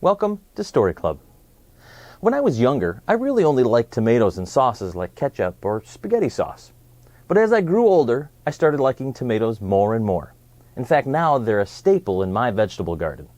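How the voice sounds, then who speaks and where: A children's read-aloud host presents an educational picture book in a sing-song, medium-pitched voice that's a little mellow, his intonation swooping. He speaks at normal speed with clear, simple phrasing aimed at kids, and there's no echo.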